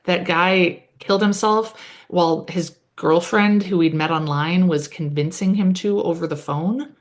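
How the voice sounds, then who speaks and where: A woman with a fairly low voice co-hosts a podcast and recaps an episode in loose, chatty talk. She stops and corrects herself often, leaning on "um" and "like" as she goes. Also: unhurried. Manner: chatty, many fillers and self-corrections. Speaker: podcast co-host. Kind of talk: casual chat recapping a TV episode.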